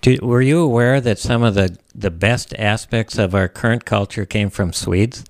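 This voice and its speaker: Co-host: man, low voice, dry sound, teasing. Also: normal speed, dry recording. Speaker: radio co-host. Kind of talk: radio interview.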